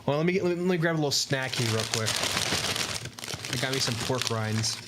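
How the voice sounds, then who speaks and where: A man's voice: mid-range voice, lively intonation, fairly quick, heavy background noise. Easygoing man reading a visual novel. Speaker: streamer. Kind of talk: casual gameplay commentary and narration reading.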